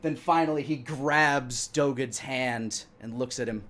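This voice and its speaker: Running a tabletop game as dungeon master, a man in his thirties narrates with dramatic, theatrical flair and acts out sound effects himself. His voice is medium-pitched, unhurried and fairly bright.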